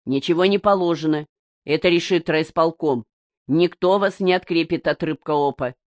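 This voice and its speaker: A woman's voice: low-pitched, normal speed, no room sound, close to an everyday voice. A curt district official dismisses the villagers' worries in short, clipped phrases, as a woman reads him aloud. The sound is dry and close. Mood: dismissive. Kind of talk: audiobook character reading.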